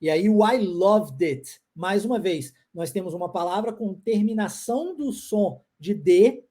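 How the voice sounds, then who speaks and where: A Brazilian woman leads a live online pronunciation class, her voice husky and a little breathy. Her pitch rises and falls expressively. She drills phrases patiently and keeps asking if the learners are following. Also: lively intonation, dark tone. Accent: Brazilian Portuguese. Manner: encouraging, drills phrases slowly with repeated check-ins. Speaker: English pronunciation teacher.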